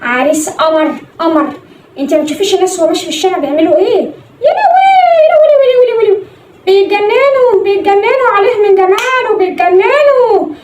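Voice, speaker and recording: A woman playing a pushy, boastful mother showing off her dim son as a groom, with an Egyptian accent and gushing, shrill outbursts. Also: quick pace, darkish tone. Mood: boasting. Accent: Egyptian Arabic. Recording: echoey room, mic at distance, faint hum.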